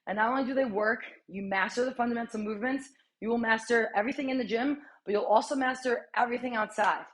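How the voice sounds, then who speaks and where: A woman's voice: on the high side, quick pace, a bit bright. A woman in her thirties coaching a strength workout while exercising, chatty and encouraging, with sighs and short breaths between cues. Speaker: fitness coach.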